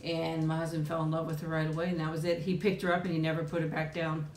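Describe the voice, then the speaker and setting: This middle-aged woman talks fast in a somewhat mellow monotone while hosting a relaxed live chat and eating stream from home. She wanders from topic to topic, laughing often and filling pauses with "um." Faint rumble and echo mark the room.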